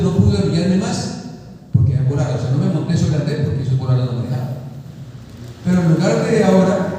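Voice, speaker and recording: A male pastor, preaching a sermon and telling a personal story in an animated way, acting out the dialogue. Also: on the high side, slight background noise. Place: church hall. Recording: echoey hall, distant mic.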